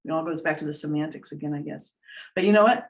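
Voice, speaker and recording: Woman, slightly low voice, earnest spiritual teacher, informal, rambling, thinking out loud. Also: fast. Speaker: spiritual teacher and trance channeler, guest speaker. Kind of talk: casual spiritual talk with personal anecdotes.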